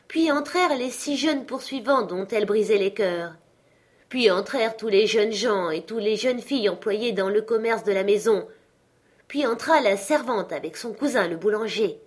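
A woman narrating an audiobook of a classic tale in a steady, expressive manner. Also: medium pitch, breathy edge.

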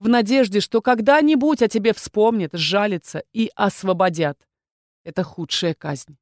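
A woman narrating a fantasy audiobook in the first person, measured and even. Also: medium pitch, no room sound, studio quality.

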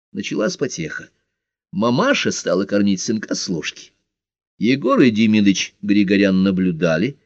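A man narrating an audiobook in an expressive storytelling manner. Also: lowish voice, no echo, muffled recording. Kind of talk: scripted narration.

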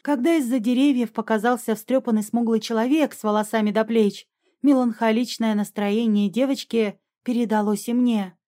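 A woman narrating a fantasy audiobook in the first person, in an even, measured way. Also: on the high side.

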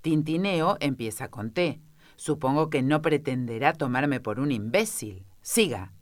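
A woman's voice: a bass voice, expressive, a little slow, dry recording. A woman voicing a pompous, impatient king in a storybook, threatening and blustering.

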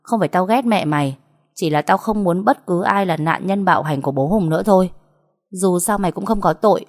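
Woman voicing a sharp-tongued older stepsister, blunt, scolding, rough talk, lowish voice. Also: a little fast. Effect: heard over a phone call.

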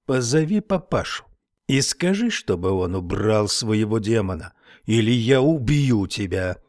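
A man voicing an armed, cruel man who threatens a child, speaking slowly and menacingly. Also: on the low side, sing-song, a little mellow, no echo, clean studio sound.

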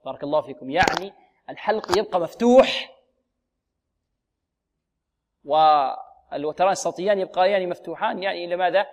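A man's voice: sits high, quick pace, slight background noise. Arabic-speaking man teaching Quran recitation. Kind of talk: tajweed lesson on radio.

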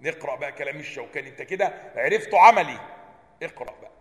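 A man's voice: fairly high pitch, expressive, rapid-fire. A man with an Egyptian Arabic accent teaches a religious lesson. He reads a classical text, explains it with questions to his students, and chants lines of the call to prayer to show how they sound. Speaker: sheikh teaching a hadith book. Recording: echoey hall with long reverb.

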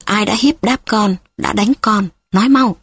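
A woman's voice: mid-range voice, a little slow, a bit bright, breathy edge, no room sound, studio quality. A woman reading the part of a worried young female tutor who presses a child with urgent questions, in an audiobook.

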